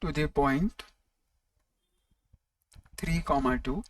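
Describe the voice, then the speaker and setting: A teacher giving a step-by-step maths lecture in a deliberate way, pausing between short phrases. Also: medium pitch, no room sound. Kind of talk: lecture explaining coordinate geometry step by step. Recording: distant microphone.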